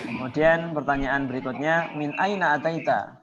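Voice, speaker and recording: A man teaching an Arabic class online, patiently repeating phrases slowly for his students. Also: fairly high pitch, steady tone, very noisy. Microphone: video call. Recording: muffled video call with chattering students.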